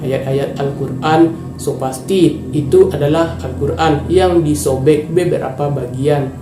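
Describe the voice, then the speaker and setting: A man's voice: a little high, dark tone. A man from Indonesia narrating a true-crime story in a casual, informal way, openly angry at the wrongdoer. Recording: echoey room with faint music.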